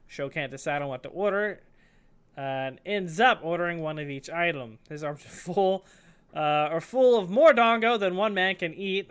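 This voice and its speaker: A young man streaming a visual novel, reading the narration aloud with animated joking asides. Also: a little high, clean tone.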